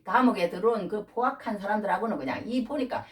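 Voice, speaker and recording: A woman's voice: medium pitch, quick pace, echoey room, far from the mic. A woman preaching a conversational Bible sermon in a folksy way, retelling the scripture and acting out its dialogue.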